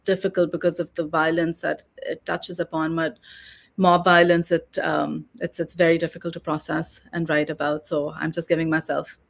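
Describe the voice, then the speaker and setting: A woman author and oral historian answering interview questions in a measured, reflective way, slightly hoarse and pausing with fillers. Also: low voice, flat delivery. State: losing her voice.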